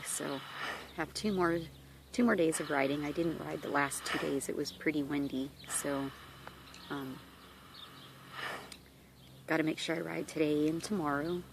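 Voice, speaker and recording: A woman recording a casual, rambling video diary as a fitness vlogger, relaxed and affectionate, speaking outdoors into a handheld camera. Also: lowish voice, creaky. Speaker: vlogger giving a daily fitness update. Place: outdoors at a horse property, sitting on the ground. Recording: noisy outdoor amateur recording.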